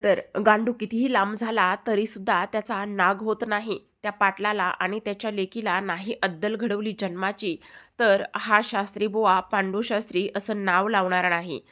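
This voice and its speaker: A woman's voice: mid-range voice, fairly even intonation, normal speed, pushed and bright, lightly acted. A woman voicing a scheming, vengeful village priest in a retold serial episode, boastful and threatening.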